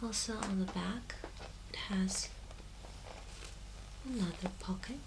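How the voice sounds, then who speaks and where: Casting: woman, soft-spoken voice, very unhurried, ASMR role-play as shop assistant, noisy recording. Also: medium pitch. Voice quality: soft, breathy voice, often soft-spoken. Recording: clear background noise.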